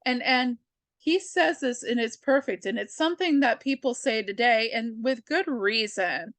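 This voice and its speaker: This woman hosts a comics review show and retells a story in casual, slangy, chatty language, acting out the characters' dialogue in her own voice. Her pitch is fairly high, her pace moderate and her tone a bit bright, with no room sound.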